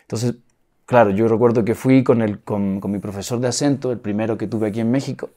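Male interview guest, low and mellow, Mexican accent, reflective with restarts. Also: steady tone, brisk. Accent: Mexican Spanish, acquired. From Chile. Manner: reflective, with frequent restarts and soft laughs. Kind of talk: casual interview talk.

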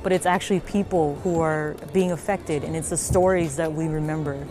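Earnest young woman poet, low voice. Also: steady tone, fairly quick, background noise. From Marshall Islands. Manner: earnest and reflective, some fillers. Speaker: poet and climate activist. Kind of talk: interview and spoken word poetry. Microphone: close camera, studio interview. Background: music.

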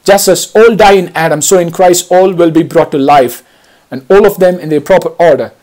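Male preacher, high voice, measured sermon delivery with scripture readings. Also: darkish tone. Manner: slow, deliberate preaching, reading scripture aloud. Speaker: priest. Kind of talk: Easter homily.

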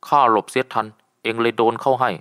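A man voicing a calm young friend explaining things, in a storybook reading. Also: mid-range voice, fast talker, clean tone, lightly acted.

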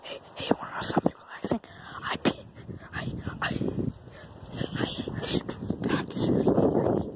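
A woman whispering through a joking parody of ASMR, hushing and telling crude, silly jokes. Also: normal speed, low-quality recording.

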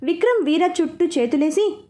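High-voiced woman telling a story. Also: fairly quick. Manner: lively expressive reading. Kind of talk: serialized story narration.

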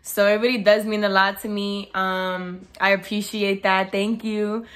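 This bedroom vlog features a young woman in her twenties with a mid-range voice and measured pace. Talking casually to camera, she's blunt and outspoken and gestures animatedly.

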